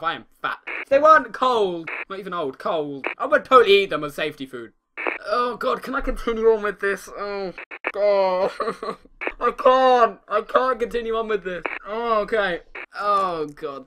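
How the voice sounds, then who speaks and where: A man's voice: high voice, noisy background. A man commentating a horror game, jumpy and self-mocking, screaming and swearing when startled. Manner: rambling, self-mocking jokes. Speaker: let's play commentator.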